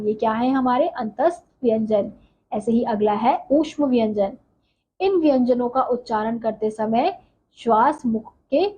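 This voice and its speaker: A woman's voice: a little high, warm tone. A woman teaching a Hindi grammar lesson, spelling out letters and example words one at a time and asking rhetorical questions she answers herself. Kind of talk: slow explanatory lesson. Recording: slightly dull recording with faint ambient noise.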